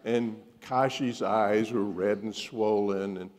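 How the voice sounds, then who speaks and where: Slow male storyteller in a hall. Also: lowish voice, fairly even intonation, darkish tone. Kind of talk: live storytelling to an audience. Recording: long hall reverb.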